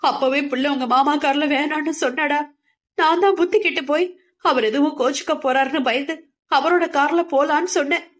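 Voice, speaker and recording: A woman voicing an older mother who is crying and panicked, talking in a high, breathless rush. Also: normal speed, natural voice. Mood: tearful, panicked.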